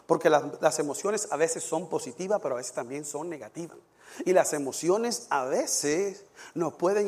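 A male pastor preaching a sermon, reading scripture aloud and praying, climbing to high emphatic peaks and sinking low and soft in prayer. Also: breathy edge.

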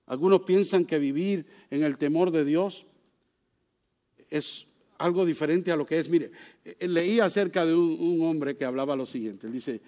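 A man's voice: on the high side, moderate pace. A man preaching a sermon, telling stories with sudden exclamations and asking his listeners questions. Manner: animated storytelling with sudden exclamations; asks the congregation questions.

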